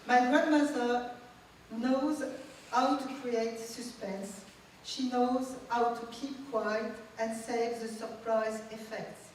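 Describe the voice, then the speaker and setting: A woman's voice: on the high side, steady tone, a little hiss or hum. Woman in her 60s, echoey hall. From Tunisia. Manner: measured, reflective storytelling. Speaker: guest speaker. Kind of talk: reading a personal memoir aloud. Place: large event hall. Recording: echoey hall, distant mic.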